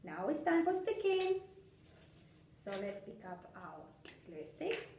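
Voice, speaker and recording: Seated at a table in an indoor craft room, a woman shows young children a craft step by step in the style of a bright kids' entertainer, taking it slowly. Her pitch swings widely in a sing-song, encouraging way. She's recorded from a distance, giving a roomy sound with some background noise.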